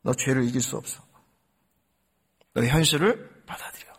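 A man's voice: mid-range voice, normal speed, slightly rough, voice pushed down. A man voicing a scornful male Satan who taunts and belittles the listener, quoted in a sermon. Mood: accusing.

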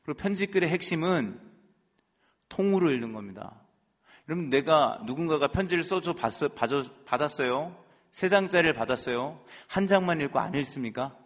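A man's voice: on the high side, lively intonation, a little fast. A man preaching a sermon as pastor, earnestly speaking straight to his congregation. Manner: earnest, addresses the congregation directly. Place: church sanctuary. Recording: long reverb in a large hall, with faint music.

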